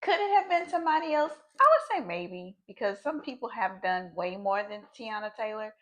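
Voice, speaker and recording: A woman's voice: medium pitch, lively intonation, moderate pace, fairly bright tone. A woman hosting her own talk show, chatting casually to her viewers with slang and sudden emphatic bursts. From United States. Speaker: show host. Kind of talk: casual chat to camera.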